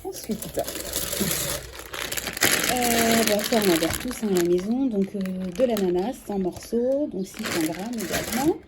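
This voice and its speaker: Woman, French accent, casual home vlog, chatty, lots of fillers, clear background noise. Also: mid-range voice, unhurried. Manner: chatty, self-correcting, many fillers. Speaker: vlogger.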